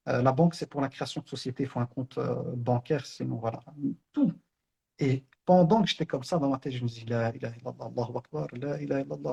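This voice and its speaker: Fast-talking husky man. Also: medium pitch, dark tone. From Belgium, Brussels. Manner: earnest, conversational storytelling with many fillers. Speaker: online Islamic teacher. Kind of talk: personal spiritual reminder.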